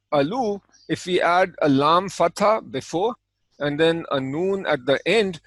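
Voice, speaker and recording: Calm, methodical male Arabic teacher. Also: a little high, dry recording, low-quality recording. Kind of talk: recorded language lesson.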